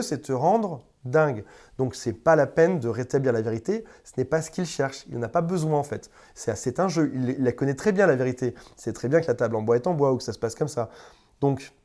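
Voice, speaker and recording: Speaking as a relationship coach, a man with a mid-range, slightly mellow voice gives advice straight to camera. He talks conversationally and informally to the viewer, repeats words often and briefly acts out quoted exchanges.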